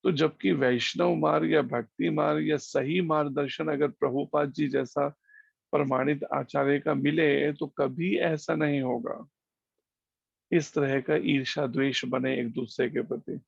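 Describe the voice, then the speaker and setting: A man giving a slow, explanatory devotional scripture class over an online call, using homely examples. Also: on the high side, fairly even intonation, vocal fry, slightly rough, dry recording, lo-fi sound. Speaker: preacher.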